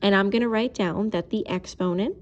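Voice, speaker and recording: Female teacher, mid-pitched, patient, step-by-step math lesson voice, occasionally slows down while writing. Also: dull audio. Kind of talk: recorded math video lesson.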